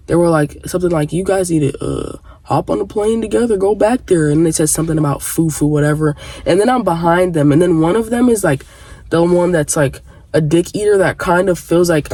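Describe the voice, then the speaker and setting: A young woman tells a story straight to camera, wandering from thought to thought and tossing in "whatever" at every turn. Her voice is soft and mellow with no harsh edge, and the sound is close and dry with no room around it. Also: low voice, slightly rough, no room sound. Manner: rambling, full of fillers and "whatever", blunt and profane. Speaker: vlogger.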